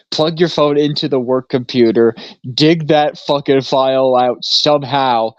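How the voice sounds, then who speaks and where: A man's voice: mid-range voice, dry recording, highs cut off. A man co-hosting a casual podcast in a small studio, talking in a laid-back, profane way and laughing easily. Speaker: podcast co-host. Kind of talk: casual stoner chat.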